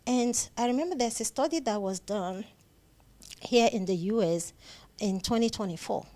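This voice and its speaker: Speaking at a moderate pace, this interview guest has a slightly high voice with a dark tone. She is a psychiatric nurse practitioner with a Nigerian accent, earnest and emphatic in a conversational interview, and often repeats phrases for emphasis.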